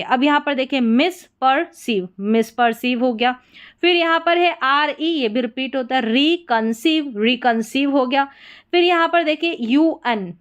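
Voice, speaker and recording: A woman's voice: on the high side, smooth. A woman teaching an English spelling and pronunciation lesson, spelling words out letter by letter and asking and answering her own questions.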